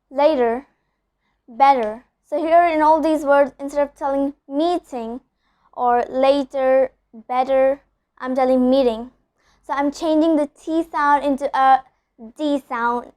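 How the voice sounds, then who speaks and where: Patient high-voiced woman teaching pronunciation. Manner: patient, repeats example words slowly, frequent "okay?" checks. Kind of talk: explanatory online lesson.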